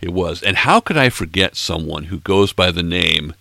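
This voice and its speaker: Expressive and at a moderate pace, a man in his late sixties keeps up easygoing, self-mocking chatter between tracks of his music podcast. His very low, gravelly voice is bright and forceful yet a bit hoarse, with a froggy throat. The recording is close and dry, without any room sound.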